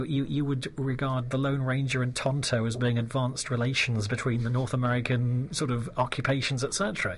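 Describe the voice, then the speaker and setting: A British man hosts a radio talk show in a rambling, chatty way, with plenty of laughter. His voice sits in a middle pitch. Faint noise runs under the recording. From Britain. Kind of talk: casual radio chat.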